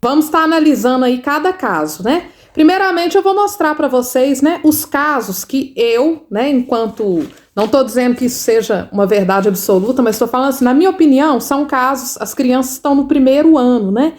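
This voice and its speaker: A woman teacher with a Brazilian Portuguese accent explaining children's literacy work in a casual lesson, chatty, full of tag questions, sounding out syllables slowly. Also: high voice, darkish tone. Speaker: first-grade literacy teacher.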